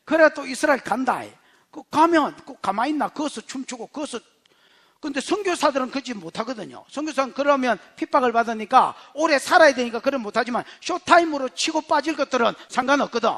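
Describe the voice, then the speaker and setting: A male pastor with a Gyeongsang Korean accent preaches in a church sanctuary. His voice sits very high and rings bright and forceful. He talks bluntly and colloquially, swinging from shouting to whispering. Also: animated, fast. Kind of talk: expository sermon.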